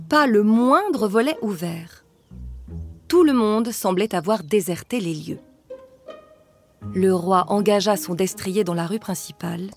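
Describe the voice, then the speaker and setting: A woman reading a storybook aloud in a slow, expressive narrating voice. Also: medium pitch.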